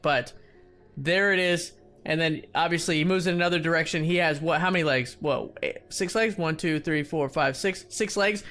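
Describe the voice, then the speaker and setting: Excitable high-voiced male gaming YouTuber. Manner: hyped and excitable, swears casually. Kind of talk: casual video game commentary.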